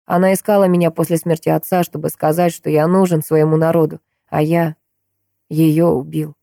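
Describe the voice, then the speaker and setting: Tormented male vampire, low and weary, cold guilt, read by a woman narrator, dark mellow tone. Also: flat delivery, normal speed, gravelly, no room sound, clean studio sound. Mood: confessing.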